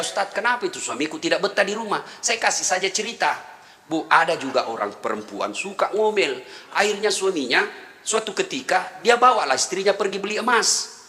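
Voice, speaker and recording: A middle-aged man delivers a joking, animated sermon. His voice sits high and rings bright. It carries through a large reverberant hall with a faint hum of ambience. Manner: animated storytelling with jokes and voiced quotes. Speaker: preacher. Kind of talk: humorous sermon.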